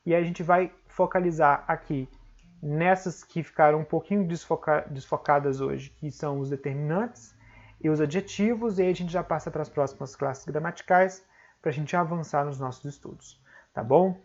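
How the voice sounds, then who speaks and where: A Brazilian-accented man gives an online exam-prep lesson, walking through each point and checking in with short tag questions. His voice has a gravelly, creaky edge. The recording sounds dull and lo-fi. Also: a little high, moderate pace. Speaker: teacher.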